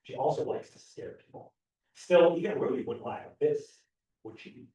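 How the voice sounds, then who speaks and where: Mellow-voiced man introducing a book. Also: on the high side, lively intonation, muffled recording. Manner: brisk introductory reading. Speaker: event host. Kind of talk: reading a book synopsis aloud. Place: library event room. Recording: very echoey room, voice far from mic.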